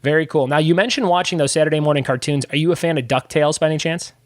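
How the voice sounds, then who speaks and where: A man's voice: fairly high pitch, dry recording. Chatty man in his thirties hosting. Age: 30s. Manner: chatty and upbeat, quick laughs and loose asides. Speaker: podcast host. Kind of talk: casual podcast chat. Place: home room.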